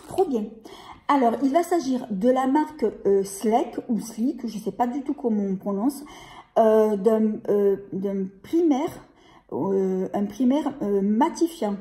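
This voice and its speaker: A woman's voice: on the high side, warm tone. A woman vlogging a beauty unboxing in a casual, hesitant way, full of fillers and restarts. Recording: echoey room.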